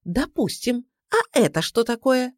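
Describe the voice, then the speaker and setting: A woman putting on a shrill domineering mother-in-law. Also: very animated, measured pace, no echo, studio quality. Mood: indignant. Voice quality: shrill, indignant, scolding. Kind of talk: audiobook character voice.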